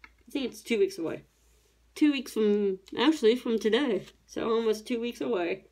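She's a diamond painting YouTuber in her thirties from Tennessee, with a fairly high, slightly mellow voice at a normal speed. Sitting at her home craft table, she chats casually, rambles, and corrects herself.

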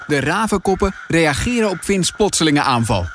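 A man reading a children's adventure audiobook in dramatic, expressive scripted narration. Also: a little high, normal speed.

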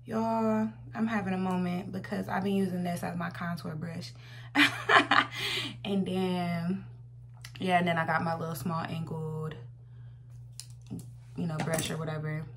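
Slangy young American woman, humming room noise. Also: fairly low pitch. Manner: slangy, sweary, informal. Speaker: beginner makeup vlogger. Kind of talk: casual chat, makeup tutorial. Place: small room at home, indoors. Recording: noisy home recording with hum.

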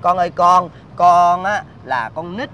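A man's voice: high-pitched, a little slow, slight background noise. An actor playing a bickering, melodramatic father in a comedy sketch, speaking with an exaggerated, pleading delivery. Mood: quarrelsome. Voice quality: lively, wailing, exaggerated pleading. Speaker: comic actor in a stage sketch.

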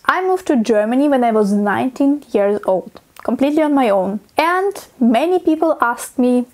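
A young woman with a Russian accent hosts her own vlog, speaking in a fairly high voice. She talks from a script but stays expressive, acting out little scenes as she goes. The sound is close and clean, from a small clip-on mic in a small room. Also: moderate pace. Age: young adult. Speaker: vlogger. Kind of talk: scripted talking-head vlog. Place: small dim room indoors.

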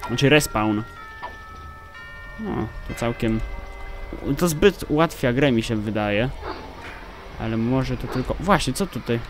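A young man talks his way through a video game, shouting, groaning and swearing at what happens on screen. His voice sits at an ordinary middle pitch. Game music plays clearly behind him. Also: a little slow, pauses often. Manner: excitable, exclaiming and swearing at the game. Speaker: gameplay commentator. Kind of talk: let's play commentary.

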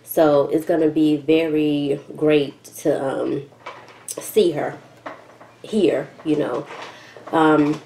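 Low-voiced woman chatting as she chews. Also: steady tone, drawn-out words, vocal fry, pauses often, dark tone. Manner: chewing while talking, eating. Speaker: mukbang vlogger. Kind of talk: casual chat to camera. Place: indoors at a table, kitchen setting. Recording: roomy echo with faint noise.

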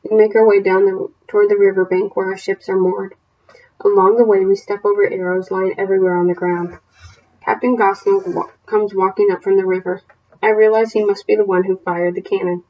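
A woman teacher reading a novel aloud to her class, then setting homework questions in a steady, plain voice with small self-corrections. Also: medium pitch, brisk, lo-fi sound.

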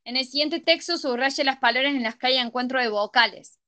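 High, bright woman tutor. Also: a little fast. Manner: checks understanding with frequent ¿sí? and ¿estamos?. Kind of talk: online grammar class.

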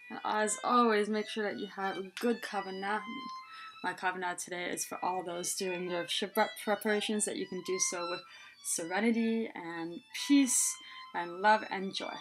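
A young adult woman hosts a head scarf tutorial, chatting casually as she explains each step by hand. Her voice is mid-range, and the low-quality recording was made in a small indoor room against a plain wall.

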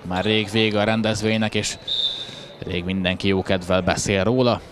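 A man's voice: lowish voice, steady tone. A man doing chatty live handball commentary with wry asides. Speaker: sports commentator. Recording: crowd noise in sports hall. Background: crowd in a sports hall.

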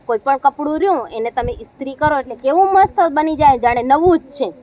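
A woman's voice: sits high, brisk, highs cut off. A woman teacher telling a story to young pupils and asking them questions. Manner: explains to the class with questions, playful. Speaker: primary school teacher. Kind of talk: storytelling lesson for children.

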